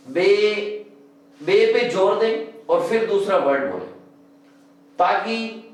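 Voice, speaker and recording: A man teaching Hindi grammar for exam coaching, dictating words slowly and drawn out. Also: fairly high pitch. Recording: echoey room, distant mic.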